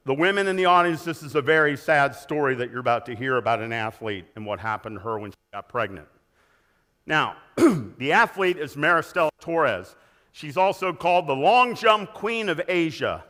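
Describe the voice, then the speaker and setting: Energetic man in his sixties giving a keynote. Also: a little high. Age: 60s. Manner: energetic, emphatic, asks the audience questions. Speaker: keynote speaker. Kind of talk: motivational conference keynote. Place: large conference hall, indoors.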